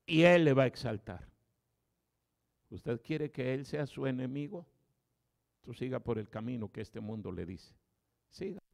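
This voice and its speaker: A male pastor preaching an impassioned sermon, swinging from loud appeals to hushed prayer as he leads an altar call. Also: medium pitch, expressive, measured pace, creaky, pauses often.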